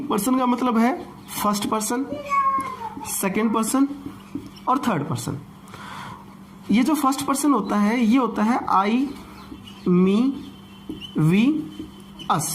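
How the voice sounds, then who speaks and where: A man's voice: very high voice, slight background noise. A man teaching an English grammar class, explaining patiently and repeating points, often asking rhetorical questions.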